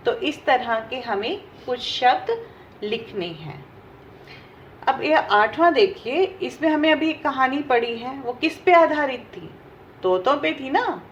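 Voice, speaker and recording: A woman teacher working through a textbook exercise for young children, patiently asking questions and answering them herself. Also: sits high. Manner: slow and patient, asks and answers her own questions. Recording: dull lo-fi recording with faint hiss.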